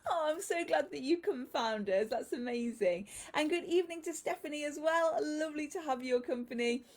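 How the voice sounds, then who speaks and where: A woman's voice: high voice, normal speed, a little mellow. Chatty woman hosting a live stream. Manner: chatty and effusive, greets viewers by name. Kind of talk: casual live-stream chat.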